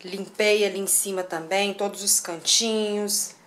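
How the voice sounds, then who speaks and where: A Brazilian Portuguese-accented woman in her thirties chats with viewers while cleaning her medium-sized home kitchen for a casual vlog. Her mid-range voice is fairly even, a little slow and fairly bright, recorded on a handheld camera carried around the room.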